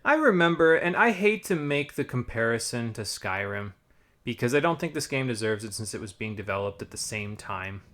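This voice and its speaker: A man's voice: mid-range voice, big pitch swings, normal speed, a bit bright. A man giving casual, rambling live commentary on a video game with wry asides.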